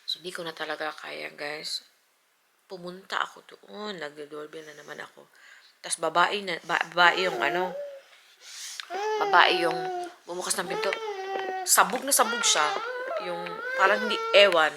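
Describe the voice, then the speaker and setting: A woman's voice: on the low side, a little slow, vocal fry, long pauses. Filipina woman vlogging over background noise. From Philippines. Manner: chatty, animated retelling with acted-out quotes. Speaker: vlogger and mother. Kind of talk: casual vlog storytelling. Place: home indoors. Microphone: camera mic. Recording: home video with noticeable background noise.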